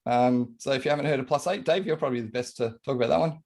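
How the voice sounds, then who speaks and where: A man hosts an online meetup on a video call. He talks in an informal, colloquial way, running through announcements and plugs at an ordinary mid-range pitch. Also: very fast, vocal fry, darkish tone. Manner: casual, colloquial. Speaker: event host.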